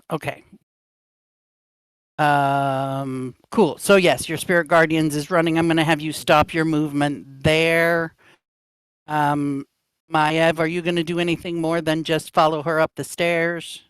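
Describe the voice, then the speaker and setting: Man running a tabletop game, clear and dry. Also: a little high, flat delivery, unhurried, a bit bright, dry recording. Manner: hesitant, apologetic, full of fillers. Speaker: dungeon master. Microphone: voice chat microphone.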